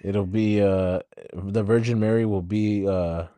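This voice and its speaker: A man's voice: fairly low pitch, fairly even intonation, measured pace, mellow, dry recording. A man co-hosting a podcast in casual chat, trading teasing jokes. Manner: teasing, joking banter. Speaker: podcast co-host.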